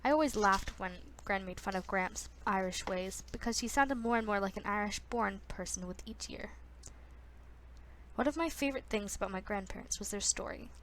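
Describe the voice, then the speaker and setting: A woman's voice: mid-range voice, normal speed, a bit bright, slight background noise. A woman casually reading a novel aloud, stumbling, restarting and breaking off with self-conscious asides. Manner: frequent restarts. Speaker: reader.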